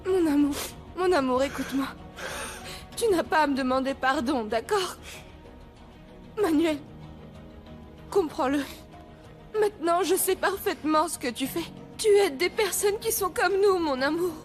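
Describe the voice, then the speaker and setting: A tender, devoted wife. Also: female voice, extremely high pitch, normal speed, few pauses, faint music behind. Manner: tender and soothing. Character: loving, devoted young wife. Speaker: wife comforting her husband. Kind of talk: dubbed telenovela acting.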